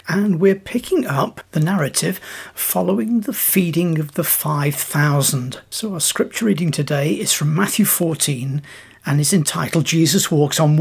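A man preaching a devotional sermon in a calm, measured teaching tone. His voice is a little husky and sits slightly high for a man.

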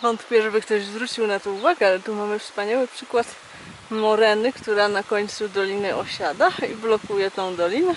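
A woman's voice: mid-range voice, normal speed. A young woman records herself outdoors on a mountain trail with a handheld camera. She narrates casually and explains what she passes in a mid-range voice. A faint hiss of open air sits under her words. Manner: chatty, explains sights as she walks. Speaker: hiker vlogger.

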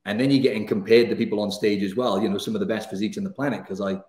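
A Welsh man in his thirties, talking as a podcast guest over a video call. His voice sits low, and he chats in an upbeat, rambling way with plenty of fillers. The sound is a bit roomy, with echo from his room at home. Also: fairly even intonation, very fast, a little mellow. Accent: Welsh, softened by years in Australia. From Wales. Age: 30s. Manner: chatty and upbeat, many fillers like "you know" and "right". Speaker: guest, fitness coach. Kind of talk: casual interview chat. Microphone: studio mic on video call.

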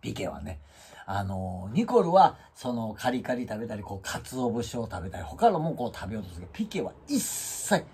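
Kansai man, very raspy voice, lively pitch, casual storytelling host who acts out quotes. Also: a little fast. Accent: Kansai Japanese. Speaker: channel host. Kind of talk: casual monologue about his pets.

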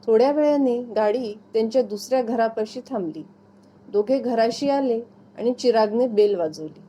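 A woman reading a short story aloud in a calm, even narrating manner. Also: a little high, moderate pace, lo-fi sound. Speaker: story reader.

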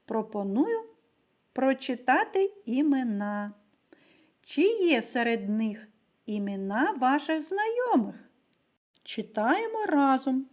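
Slow, patient woman teaching young children. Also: high-pitched, sing-song, darkish tone. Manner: slow, clear, patient, addresses children directly. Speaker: primary school teacher. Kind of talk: video literacy lesson for young children.

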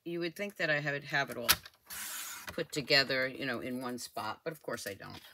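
An older woman with a rumbling low voice hosts a crafting channel, chatting and thinking aloud at her craft desk as she works. The tutorial voice-over is casual and at normal speed, against a noisy background.

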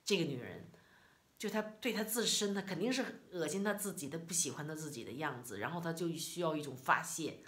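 A middle-aged woman from China, telling a personal story in a casual, animated, indignant way. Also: deep voice, a little fast. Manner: animated, indignant retelling with quoted dialogue. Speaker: vlogger.

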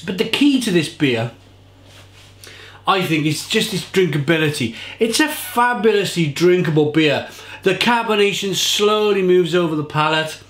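With a high, expressive voice at normal speed and a slightly bright tone, a man in his thirties enthusiastically reviews a beer on camera in a relaxed way. He gestures a lot while describing the flavours. He's indoors at a home kitchen bar with shelves of bottles, and the room is echoey.

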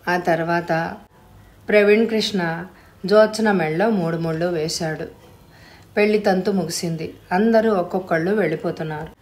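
A woman narrating an audiobook story with expressive, emotional delivery. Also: on the low side.

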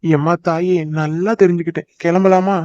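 A man's voice: sits high, level tone, normal speed, dark tone, no echo, dull audio, natural voice. A young man voicing a teasing, devoted boyfriend in a cartoon, coaxing and joking. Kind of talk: cartoon voice acting.

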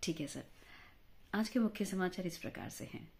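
A woman's voice: lowish voice, lively intonation, moderate pace, creaky, warm tone. A woman playing a chatty, quarrelsome married mother in a comic monologue, fawning and talkative as a job candidate for a news anchor post. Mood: eager, polite. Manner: chatty, fawning toward interviewer, mixes English words into Hindi.

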